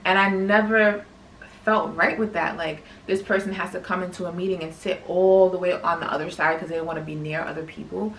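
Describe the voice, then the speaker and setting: A young woman from New York, a teacher, telling a casual story to camera in a chatty, animated way with lots of "like". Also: lowish voice, brisk, echoey room, far from the mic, a little hiss or hum, rough recording. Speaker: vlogger and teacher.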